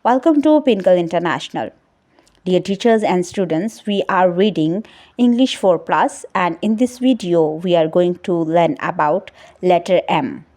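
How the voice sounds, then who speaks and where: Very slow-talking woman teacher. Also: on the low side, warm tone. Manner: slow, deliberate, drawn-out words with sing-song teacher emphasis; prompts and praises children. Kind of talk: recorded classroom lesson.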